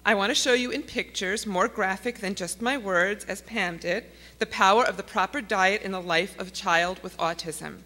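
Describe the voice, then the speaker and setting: In a conference hall with long reverb, a middle-aged woman gives an earnest, pleading speech to an audience. Her mid-range voice is pushed and bright, at a moderate pace.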